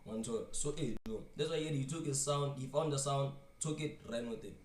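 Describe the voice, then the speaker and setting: This reaction streamer, a South African man, talks briskly in a mid-range voice, rambling casually, repeating himself and dropping in local slang. The room is echoey and he sits far from the microphone.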